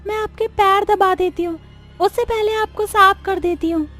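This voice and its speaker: A feisty young witch daughter-in-law talks back in a very high, cheeky voice, as a woman plays her. It is a cartoon role with soft music playing underneath. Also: steady tone, moderate pace. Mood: apologetic. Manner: cheeky, defiant. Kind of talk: cartoon voice acting.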